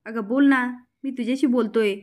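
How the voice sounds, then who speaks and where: A woman's voice: on the high side, steady tone, moderate pace, darkish tone, natural voice. A woman voicing a confused, frightened young man who pleads anxiously for answers. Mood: panicked.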